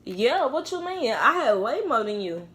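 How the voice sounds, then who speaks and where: A woman's voice: a little high, big pitch swings, normal speed, fairly bright tone. A young woman hosting a casual mukbang at home, chatting directly to her viewers.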